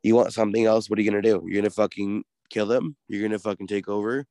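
A man's voice: lowish voice, fairly even intonation, fast talker, warm tone, no room sound. A man co-hosting a casual podcast, ranting in a heated, profane way. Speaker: podcast co-host.

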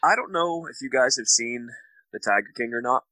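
A man's voice: mid-range voice, expressive, fairly quick, bright, forceful tone, dry recording, low-quality recording. A man co-hosting a podcast, joking casually with his friends. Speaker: podcast co-host. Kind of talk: casual comedic banter.

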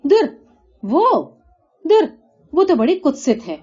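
A woman's voice: very high voice, sing-song, darkish tone, pitched above the performer's own voice. A woman voicing a young male student who brushes off talk of marriage impatiently. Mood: dismissive. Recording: dull lo-fi recording.

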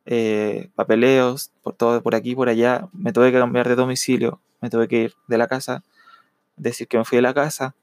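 A young man with a Chilean accent, a student telling his own story in a reflective, halting way with many fillers. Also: medium pitch, little pitch movement, a little mellow, dry recording, clean studio sound. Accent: Chilean Spanish. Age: young adult. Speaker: university student. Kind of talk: personal testimony.

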